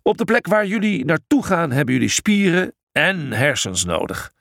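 A man voicing a jovial, mighty male hero with a booming laugh, teasing and hearty, in an audiobook. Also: sing-song, slow, creaky, no echo, studio quality, full character voice. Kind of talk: audiobook character voice.

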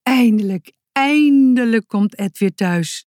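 A woman's voice: fairly high pitch, animated, normal speed, warm tone, no echo, studio quality, voice pushed up, natural voice. A woman voicing an earnest young boy in a children's audiobook, urgent and insistent. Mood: eager.

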